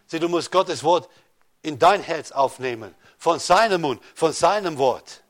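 A man preaching a sermon, addressing listeners directly with rhetorical questions and swinging between loud rises and soft drops. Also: a little high, animated, a little slow. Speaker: pastor.

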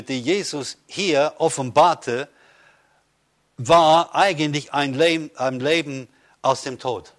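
Fervent male preacher proclaiming a sermon. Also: medium pitch. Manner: fervent, swells to loud proclamations with repeated Amens and Hallelujahs.

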